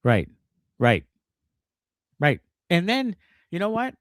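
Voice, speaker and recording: A man hosting a casual sports podcast, ranting in a profane, animated way. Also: sits high, takes it slowly, dry recording, studio quality. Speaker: podcast host.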